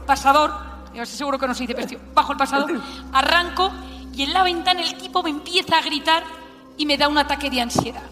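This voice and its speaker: A woman in her forties with a Spanish accent, telling a story in a lively, animated way during a talk to an audience. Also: high-pitched, quick pace. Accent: Spanish (Spain). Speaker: speaker giving a talk. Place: large hall with audience. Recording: hall reverb, faint music.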